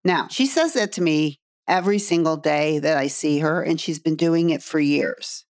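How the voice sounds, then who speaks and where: A woman's voice: low-pitched, normal speed. A middle-aged woman hosting a podcast as a coach, talking earnestly and straight to the listener, repeating phrases for emphasis. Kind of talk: heartfelt podcast monologue.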